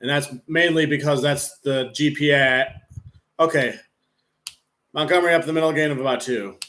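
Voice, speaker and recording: A man live streaming a football game, rambling casually with lots of "like" fillers and relaxed play-by-play. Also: a little high, normal speed. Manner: rambling, heavy use of "like" fillers.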